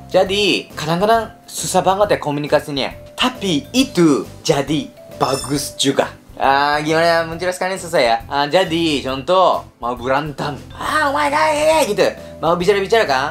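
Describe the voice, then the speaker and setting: A young man from Kansai, Japan, speaking with a Japanese accent, vlogs casually to camera, playfully chatting and dropping in Japanese particles. His voice runs on the high side, animated, brisk and a bit bright, with soft music in the background.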